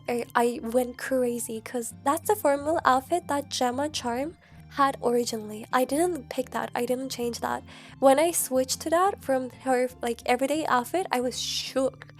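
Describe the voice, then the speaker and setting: A young woman with a cold and a stuffy, nasal voice, chatting casually and rambling in a self-mocking, slangy way as she narrates her gameplay. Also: high-pitched. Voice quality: nasal, congested. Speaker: Sims content creator. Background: faint background music.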